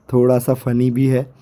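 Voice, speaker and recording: A hoarse man with a sore throat, giving a patient lecture over a screen recording and repeating syllables slowly to drill them. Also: mid-range voice, mellow. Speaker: teacher.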